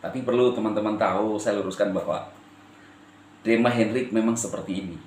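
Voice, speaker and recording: A man from eastern Indonesia addressing his viewers as a channel host, with a firm intonation that can sound stern even when he is calm. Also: lowish voice, a little fast, reverberant, slight background noise. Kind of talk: direct-to-camera address to viewers.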